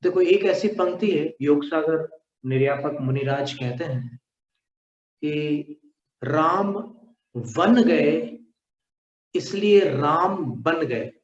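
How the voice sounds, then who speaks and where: Man as a patient language teacher, slow, raised pitch, demonstrates each sound aloud, echoey dull recording. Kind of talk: slow explanatory lesson.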